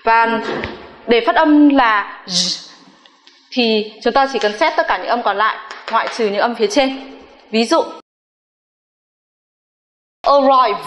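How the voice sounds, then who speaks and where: Woman teacher, slightly high voice, slow careful delivery with repeated drill words, recorded in a reverberant room. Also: fairly bright tone. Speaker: English teacher. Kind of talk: recorded pronunciation lesson. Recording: echoey room with long reverb.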